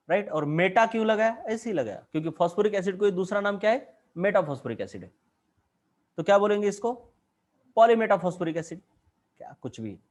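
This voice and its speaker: Male chemistry teacher, Indian accent, slightly high-pitched, keeps quizzing the class. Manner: questions the class constantly, explains at a board. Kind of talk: classroom lecture.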